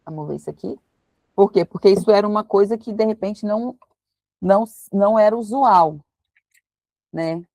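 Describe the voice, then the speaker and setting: A woman's voice: mid-range voice, normal speed, long pauses, a little mellow, dry recording. A woman, teaching a casual Bible study and thinking aloud as she reads verses. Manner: chatty, thinks aloud while reading verses.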